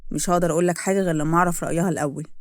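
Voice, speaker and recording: A woman voicing a calm, fatherly man with an Egyptian accent, speaking in a soothing, reasonable way. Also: fairly high pitch, rapid-fire, no room sound, studio quality, lightly acted. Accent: Egyptian Arabic. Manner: calming, reasonable. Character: calm fatherly older man, head of house.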